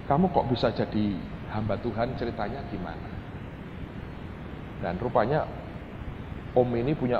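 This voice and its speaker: Man preacher, lively storytelling sermon, reverberant hall, dull sound, audible noise behind. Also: medium pitch. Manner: animated, addresses listeners as "saudara", grows loud and excited while retelling. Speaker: pastor.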